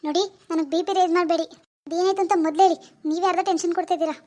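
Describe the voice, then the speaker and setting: A young village mother voiced by a woman pleads in a very high voice. She keeps asking frantic questions, in a homemade village drama. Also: steady tone, rapid-fire, darkish tone. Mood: anxious.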